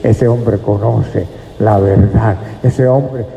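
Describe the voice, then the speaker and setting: A man's voice: lowish voice, steady tone, takes it slowly, gravelly, a little hiss or hum. A man preaching a sermon in a church, emphatic and speaking to the congregation as brothers. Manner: emphatic, addresses listeners as brothers. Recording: echoey hall, dull lo-fi sound.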